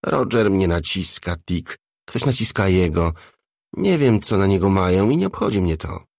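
A man's voice: low voice, big pitch swings, moderate pace, creaky, a little mellow, dry recording, clean studio sound, full character voice. A man voicing a tough, mocking, streetwise woman in a storybook reading, blunt and needling. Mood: brusque.

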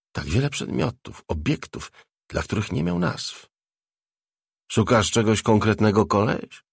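A man narrating an audiobook in a calm, measured reading. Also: lowish voice, vocal fry, slightly rough, no echo, clean studio sound. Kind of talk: scripted narration.

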